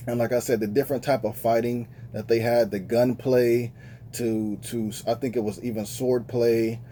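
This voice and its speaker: A man's voice: medium pitch, level tone, moderate pace, mellow, slight background noise. A man giving a casual, slang-filled movie review with lots of fillers, talking straight to his viewers. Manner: laid-back slangy talk, many fillers.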